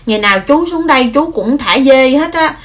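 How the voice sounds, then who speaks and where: A woman, retelling a story in casual speech, animated, with many fillers and repeated words. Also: high voice, moderate pace.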